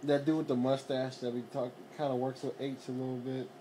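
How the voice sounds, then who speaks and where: A man's voice: medium pitch, level tone, brisk, warm tone, slight background noise. A man chatting casually and jokingly with friends, slangy and profane, often prodding with questions.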